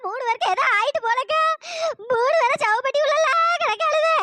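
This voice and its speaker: A woman doing a shrill, wailing village mourner. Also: big pitch swings, quick pace, no room sound, full character voice. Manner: wailing lament, then sharp scolding. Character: loud middle-aged village woman mourner turned scold. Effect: pitch-shifted voice. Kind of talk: cartoon voice acting. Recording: noisy pitch-shifted recording.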